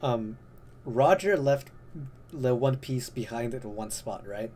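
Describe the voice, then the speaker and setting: A young man talking in casual podcast chat, animated and loose, swearing freely. His voice sits at a middle pitch. Faint computer noise hums behind him. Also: slow pace. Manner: animated, swearing, laughing often. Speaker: podcast co-host.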